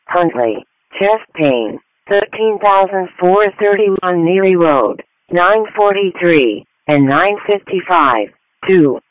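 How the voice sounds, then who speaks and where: Slow, high male dispatch announcer, tinny. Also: dry recording. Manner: terse, itemised phrases. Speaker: dispatcher announcing emergency calls. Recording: tinny, phone-like radio dispatch channel.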